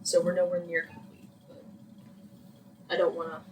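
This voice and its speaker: A woman's voice: on the low side, completely flat delivery, normal speed, a little mellow. A young woman chatting casually while playing a video game, blunt and profane, with a jokey edge. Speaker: let's play host. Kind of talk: casual gameplay chat. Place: home room while it rains. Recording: distant mic with faint noise.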